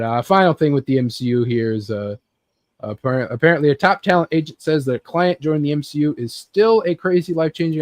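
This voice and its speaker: Leading a group conversation on games and movies, this host rambles, swears casually and performs small made-up bits complete with sound effects. He has a mid-range voice, recorded with no echo.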